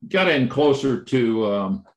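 A man giving a slide presentation about a river trip, speaking haltingly with many fillers and restarts. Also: mid-range voice, sing-song.

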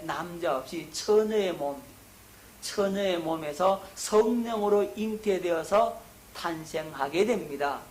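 A middle-aged man preaching a sermon lecture as a pastor, who asks the congregation questions and answers them himself, getting higher and louder on key points. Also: slight background noise. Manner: rises in pitch and volume on emphasis. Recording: echoey room.

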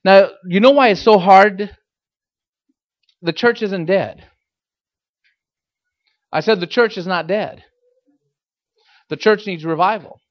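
A man's voice: high-pitched, slow pace, long pauses, lo-fi sound. A man preaching a fiery sermon as a pastor, emphatic and exhorting, repeating phrases and putting pointed questions to his listeners.

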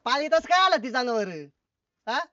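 A man's voice: very high-pitched, animated, moderate pace, pushed and bright, no echo, highs cut off. A man playing an argumentative son in a village comedy sketch. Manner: argumentative, talks back. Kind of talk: rural comedy sketch acting.

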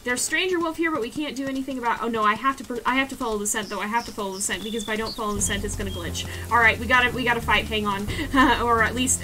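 A young woman streaming a speedrun, giving quick, excitable play-by-play commentary and repeating phrases as she goes. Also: on the high side. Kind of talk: live gameplay commentary. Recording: game music in the background.

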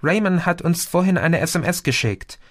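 A man's voice: fairly high pitch, expressive, moderate pace, pitched above the performer's own voice. A man reading an audiobook voicing a frightened young woman who speaks urgently and out of breath.

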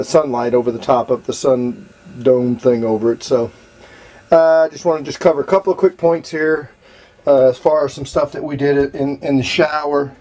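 With a dark, medium-pitched voice, a man narrates a casual walkthrough of his DIY repairs in a small RV bathroom as an RV renovation vlogger. He rambles, restarting often and using many fillers.

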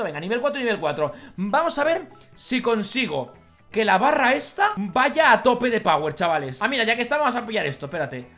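A young man with a Spain Spanish accent giving excitable let's-play commentary, bursting into shouts and laughter. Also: sits high. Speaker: gaming YouTuber.

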